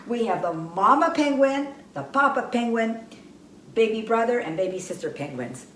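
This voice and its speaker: A woman presents birds to young children in a gentle, unhurried sing-song, chatting with her bird puppets. Her pitch swoops up and down as she talks. She sounds set back from the mic in a roomy space, with a faint hum behind her. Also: animated. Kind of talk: children's educational talk. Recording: echoey room, mic far off, faint background hum.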